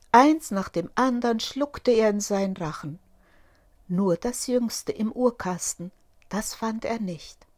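An older woman telling a fairy tale in a calm, unhurried way. She reads at a very slow pace, and the voice sounds dry and close, with no room echo. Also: mid-range voice. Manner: calm, gentle storytelling narration.

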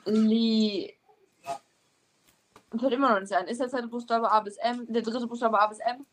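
Young female co-host, stubborn and competitive, thinks aloud, a touch high. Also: fairly even intonation, slight background noise. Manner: drawn-out musing syllables while thinking. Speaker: co-host playing a guessing game. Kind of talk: casual podcast chat.

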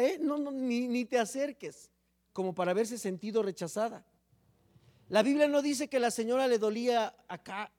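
Dramatic preacher man. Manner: dramatic swings between loud emphatic phrases and low hushed words. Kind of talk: sermon.

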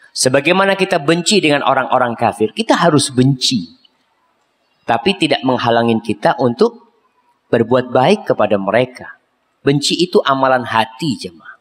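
A man preaching a humorous, emphatic sermon and answering a question from the congregation. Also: mid-range voice. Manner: lively, humorous, emphatic rising peaks. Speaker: Islamic preacher. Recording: long echoey hall reverb.

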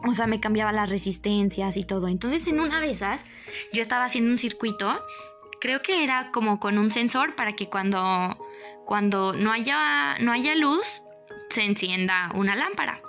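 A young woman with a Mexican Spanish accent telling a personal story in a casual, animated, dramatic way. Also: moderate pace, soft background music. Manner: animated, dramatic, jumps up in pitch for emphasis.

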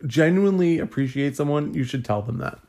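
A man's voice: on the high side, expressive, fairly quick, mellow. A man co-hosting a podcast, bantering playfully and teasing his co-host in casual chat.

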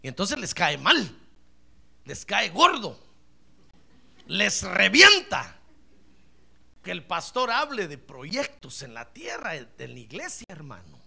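A male pastor delivering a sermon in a tense, piercing voice, and his pitch leaps all over the place. He drops to quiet, confiding asides and then bursts into shouted praise, always speaking straight to his listeners. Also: wildly swooping pitch, takes it slowly, creaky, long pauses, breathy edge. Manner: preaching with direct address, swinging from quiet asides to shouted praise.

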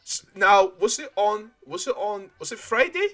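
Animated, higher-pitched young man. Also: normal speed. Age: young adult. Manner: excitable, repeats phrases. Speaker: podcast co-host. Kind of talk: casual banter.

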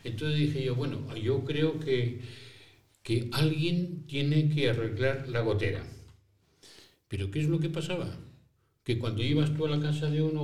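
A man voices a kindly old priest who founded schools for poor children, with a voice of middling pitch. He tells his story in first person, tosses out rhetorical questions and plays out little dialogues. The voice sounds far from the mic, with a roomy echo around it. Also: a little mellow, natural voice. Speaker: interviewee in character.

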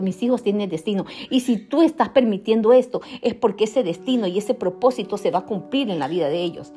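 A woman's voice: a little high, mellow. A middle-aged woman preaching a sermon, with fervent, repeated declarations.

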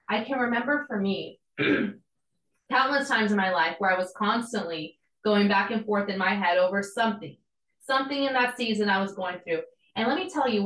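A woman's voice: medium pitch, a bit bright. A woman, giving a conversational, earnest devotional teaching with casual asides. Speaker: podcast host and church planter. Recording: echoey room.

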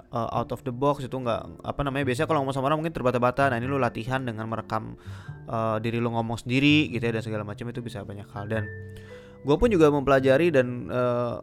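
A young man with Jakarta slang hosting a casual solo podcast, talking fast with many filler sounds. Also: medium pitch, soft background music. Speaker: podcast host.

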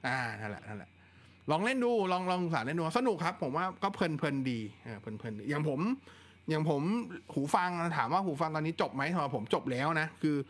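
A man hosts a laid-back live tech chat, talking freely and answering viewer questions with lots of filler words. His voice sits on the high side and he speaks fast.

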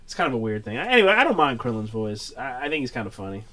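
A man's voice: mid-range voice, big pitch swings, quick pace, bright, forceful tone. A man hosting a casual podcast chat, laughing often and swearing casually as he walks through episodes. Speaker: podcast host.

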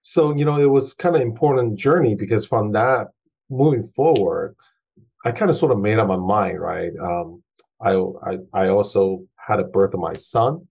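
A man's voice: lowish voice, normal speed, vocal fry, a little mellow, husky. A man in his forties, originally from Taiwan, talking as a guest chef in a casual interview, with frequent fillers and restarts. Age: 40s. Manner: hesitant, many fillers and restarts.

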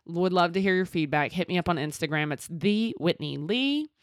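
Southern American woman podcaster, lower-pitched, dry sound. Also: lively intonation, moderate pace, no echo. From Mississippi, southern United States. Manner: informal and direct, coaching the listener with rhetorical check-ins. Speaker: podcast host. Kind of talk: casual advice-giving podcast monologue.

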